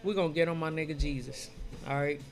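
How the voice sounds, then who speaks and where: A man casually retelling old stories in street slang, animated and acting out the characters' voices as he goes. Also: on the high side, fast talker, over music. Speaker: storyteller retelling Bible stories.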